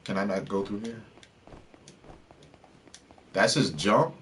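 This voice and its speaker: A man's voice: lowish voice, slow, fairly bright tone, slight background noise. A man casually commenting on a game he is playing, chatty and wisecracking as he reacts to the screen. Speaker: streamer. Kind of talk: casual let's play commentary.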